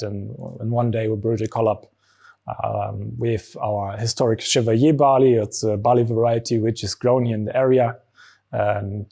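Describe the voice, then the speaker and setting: A man in his thirties with a German accent, a brewery founder answering interview questions in a relaxed way with many fillers, on a lapel mic in a barrel room. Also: on the low side, vocal fry. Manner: frequent fillers, relaxed explaining. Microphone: small lapel mic.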